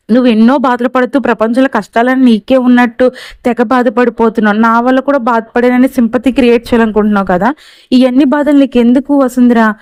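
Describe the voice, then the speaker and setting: A woman's voice: on the high side, a little mellow, smooth, no echo, close to an everyday voice. A woman voicing a cold, dismissive young woman with a sarcastic, lecturing manner.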